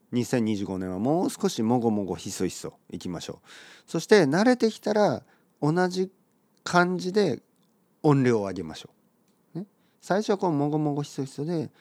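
A man's voice: on the low side, darkish tone, dry recording. A man teaching a casual spoken lesson for language learners, friendly and encouraging, sometimes dropping into mumbled demonstrations.

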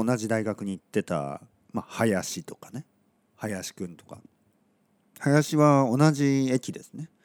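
In a casual podcast lesson monologue, a man from Oita in Kyushu teaches Japanese in a relaxed, chatty way, using many soft fillers and correcting himself as he goes. His fairly low voice carries a slight scratchiness in the throat, with no room sound.

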